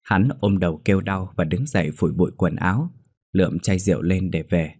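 A man narrating a ghost story in a steady, dramatic storytelling manner. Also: deep voice, brisk, slightly rough, no echo, clean studio sound.

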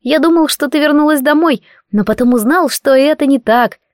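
A woman voicing a cheerful, loyal little male air spirit with a squeaky, high voice in an audiobook. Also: normal speed, dry recording, clean studio sound, lightly acted. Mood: earnest. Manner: bright, eager. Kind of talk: audiobook character voice.

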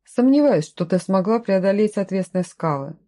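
A woman reads from a storybook in a mid-range, dark-toned voice close to everyday speech, with lively intonation and moderate pace. She plays a stern, suspicious grown man, a curt castle lord given to short commanding phrases.

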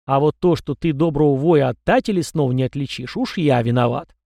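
A man voicing a gruff, barking old-style army commander. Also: fairly high pitch, brisk, dark tone, no room sound, clean studio sound, lightly acted. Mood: stern. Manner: barking, scornful, raises voice. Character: gruff middle-aged male army commander, stern scolding mentor. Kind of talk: audiobook character voice.

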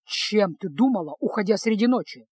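A woman reading a storybook, voicing a gruff, sardonic male mage in a curt, grumbling manner. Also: mid-range voice, lively intonation, normal speed, a little mellow, no room sound. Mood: stern.

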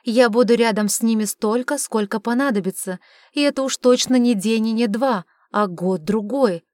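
A woman's voice: on the high side, normal speed, darkish tone, dry recording, lightly acted. Woman reader doing a snippy sarcastic witch lady, storybook reading, dry recording. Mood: earnest, reproachful. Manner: sarcastic, scolding. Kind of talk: audiobook character reading.

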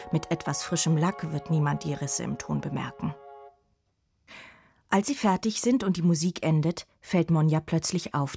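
A woman's voice: low voice, vocal fry, a little mellow, slightly rough, no echo. A woman narrating a children's storybook expressively in a studio.

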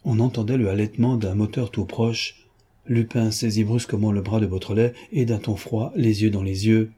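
A man narrating a classic novel as an audiobook in a measured, steady storytelling manner. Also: on the low side, husky.

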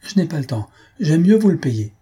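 A flustered young suitor dodges blame and makes hasty excuses, as a narrator puts him on. The pitch sits lifted above the reader's own, with a husky, dark tone. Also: male voice, big pitch swings, moderate pace, exaggerated voice. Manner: flustered, evasive.

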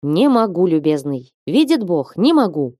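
A woman's voice: fairly low pitch, very animated, unhurried, warm tone, no echo. Unyielding male merchant, coaxing and proverb-quoting, dry close sound, read by a woman. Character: wealthy domineering male merchant, sly and coaxing.

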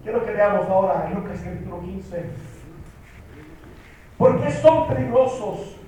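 A man with a Mexican Spanish accent preaching a sermon to young people as pastor, emphatic, repeating his words and climbing to shouts. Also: sits high, lively intonation, unhurried. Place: church sanctuary. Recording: very echoey hall, voice from far off, faint noise.

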